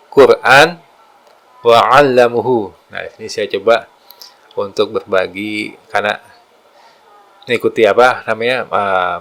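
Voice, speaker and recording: A man teaches Quran letter sounds in a relaxed, informal way. He sounds out guttural letters over and over and keeps insisting he is only a learner himself. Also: lowish voice, poor audio. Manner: demonstrates throat sounds repeatedly, humble and self-deprecating. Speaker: self-taught Quran pronunciation teacher. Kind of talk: casual pronunciation lesson.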